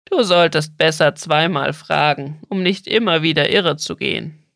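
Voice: mid-range voice, lively intonation, a bit bright, dry recording, clean studio sound, full character voice. Narrator doing a guttural, riddling giant turtle. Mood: wise. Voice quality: guttural, rasping. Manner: slow, unhurried, grumbling.

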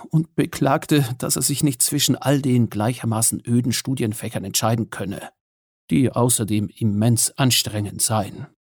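A man narrating a story in the first person, measured and wry, with occasional small hesitations. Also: mid-range voice, gravelly, darkish tone, no room sound, clean studio sound. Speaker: audiobook narrator.

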